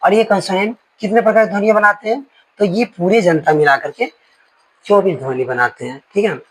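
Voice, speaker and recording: A man's voice: high-pitched, a little fast, husky, rough recording. A male teacher giving a grammar lesson, explaining with homely analogies and checking in with the class often.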